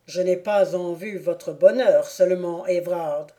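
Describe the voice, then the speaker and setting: A stern aristocratic count, an older father who reasons gravely and slowly, as a woman reader voices him. The tone sits low and mellow, unhurried, with a solemn, persuasive weight. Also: natural voice. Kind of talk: audiobook character reading.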